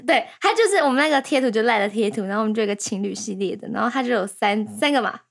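A woman's voice: a little high, lively intonation, very fast, gravelly. A young woman co-hosting a casual couple's podcast, teasing and playfully complaining. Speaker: podcast co-host.

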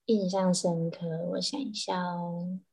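Animated woman telling stories. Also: lowish voice, measured pace, breathy edge. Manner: animated storytelling with frequent restarts. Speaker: animal communicator guest. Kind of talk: casual chat.

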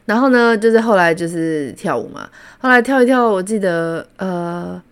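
A woman from Taiwan with a Taiwanese Mandarin accent, hosting a podcast and telling stories in a casual, animated way, laughing often. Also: medium pitch, moderate pace, clean tone. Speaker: podcast host. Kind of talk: casual storytelling.

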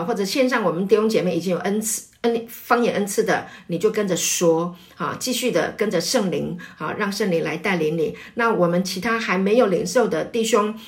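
A woman in church ministry teaches her congregation in a sermon. She explains patiently, leaning on frequent fillers, and rises into loud, fervent exhortation when she leads the prayer. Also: mid-range voice. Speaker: pastor's wife leading prayer. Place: church meeting, also online.

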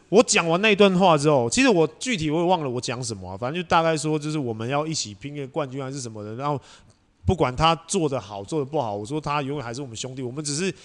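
A young man with a Taiwanese Mandarin accent, hosting a podcast and telling a story in casual chat. He acts out quoted voices and laughs often. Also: fairly high pitch. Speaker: podcast host.

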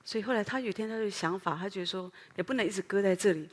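A middle-aged woman pastor with a Taiwanese Mandarin accent, preaching an earnest, animated sermon full of fillers and rhetorical questions. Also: mid-range voice, very fast. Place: church sanctuary. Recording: long hall reverb.

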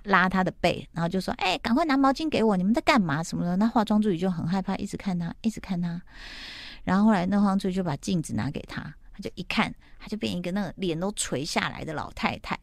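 A woman's voice: fairly low pitch, quick pace, vocal fry, no room sound, studio quality. A middle-aged woman host in casual chat, animatedly retelling a TV plot and acting out the quotes.

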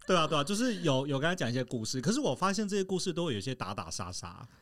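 A man's voice: fairly high pitch, very animated, very fast, fairly bright tone, no echo, clean studio sound. A man, a podcast co-host chatting and joking casually. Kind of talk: casual chat.

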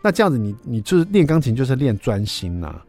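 A man's voice: mid-range voice, fast talker, no room sound, soft background music. A middle-aged man, hosting a radio show and telling a story in a chatty way. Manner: chatty, acts out dialogue with lively voices. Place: radio studio.

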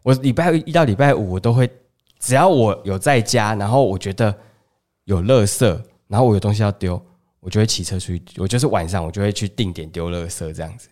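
Fast-talking man, chatty storyteller. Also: fairly low pitch, darkish tone. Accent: Taiwanese Mandarin. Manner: chatty storyteller who acts out family dialogue. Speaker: podcast co-host. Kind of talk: casual chat.

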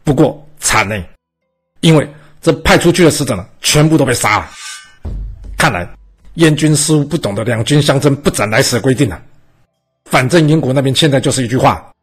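Man, history storyteller, chatty, animated, husky, mid pitch. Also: a little fast, long pauses, faint music behind. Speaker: podcast storyteller.

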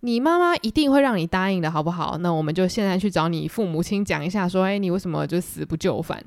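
A woman voicing a pompous, self-satisfied male clergyman suitor, talking in a smug, condescending, drawn-out way. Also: fairly low pitch, lively intonation, no echo, studio quality.

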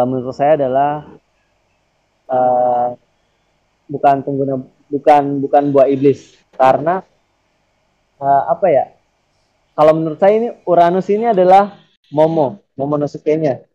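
In dull lo-fi podcast audio, a young male co-host chats casually, reasoning through a theory one step at a time, full of fillers and false starts. He has a mid-range, dark-toned voice and speaks unhurriedly, with long pauses.

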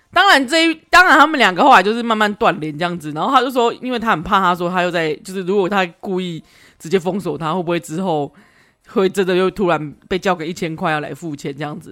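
A woman hosting a podcast, telling a story casually, animated and laughing often. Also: medium pitch. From Taiwan. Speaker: podcast host.

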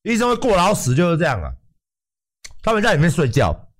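A man with a Taiwanese Mandarin accent rants on a livestream, heated and swearing freely. His voice sits high for a man and swings up and down a great deal as he works himself up. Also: brisk. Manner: profane, heated, animated. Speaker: livestream host. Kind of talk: ranting livestream commentary.

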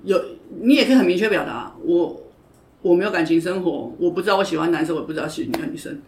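A woman's voice: lowish voice, fast, a little mellow, a little hiss or hum. A woman judo coach, talking frankly and emphatically in an interview, repeating her points. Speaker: judo coach and podcast guest. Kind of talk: casual interview chat. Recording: roomy echo.

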